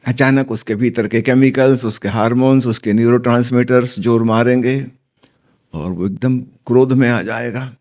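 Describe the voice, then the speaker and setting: A man giving a calm spiritual discourse, explaining patiently with humorous stories. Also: medium pitch, normal speed. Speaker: spiritual teacher.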